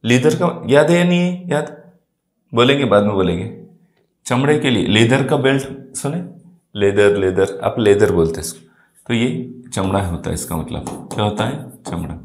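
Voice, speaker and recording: A man's voice: lowish voice, expressive, normal speed. A man teaching an exam-prep lesson, explaining English words in Hindi and quizzing his pupils. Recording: echoey room.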